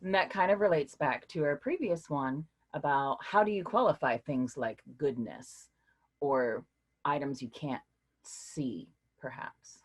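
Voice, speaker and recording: A deep, slightly slow woman's voice comes from an actress cast as a patient philosophy professor who leads a class discussion, part of a staged play reading. She is teacherly throughout, lively and questioning.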